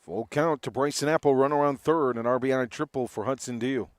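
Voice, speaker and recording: A man's voice: medium pitch, fairly quick, dry recording. A man doing live baseball play-by-play, with a home run call style that stretches out on big hits.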